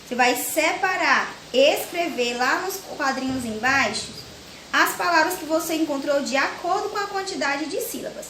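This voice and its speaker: A young woman with a Brazilian Portuguese accent teaching a children's grammar lesson, slowly and patiently breaking words into syllables. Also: high-pitched, pushed and bright. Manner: slow, patient, spells syllables out one by one. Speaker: primary school teacher. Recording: echoey room with faint hiss.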